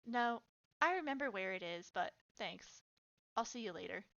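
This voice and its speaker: Kind young mage woman, soft earnest delivery, bright voice, lo-fi recording, read by a woman. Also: mid-range voice, expressive, moderate pace, vocal fry. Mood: friendly.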